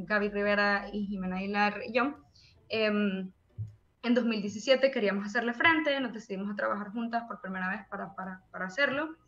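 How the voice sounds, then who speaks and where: A woman from El Salvador with a Salvadoran Spanish accent, speaking as a panelist on an online panel, lively and full of fillers. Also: on the high side, dull audio. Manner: warm, lively, laughs often, many fillers. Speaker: panelist, media co-founder. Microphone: video call.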